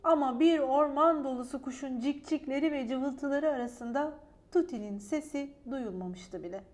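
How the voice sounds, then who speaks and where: A woman reading a children's story aloud in a gentle, expressive way. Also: high voice, moderate pace.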